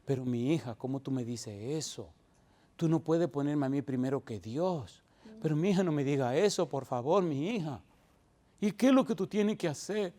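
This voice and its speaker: A man's voice: a little high, expressive, normal speed, dark tone, lightly acted. A male preacher voicing an elderly father near ninety who pleads tenderly and rises into tearful questions. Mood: gentle. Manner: pleading, rising emotional questions.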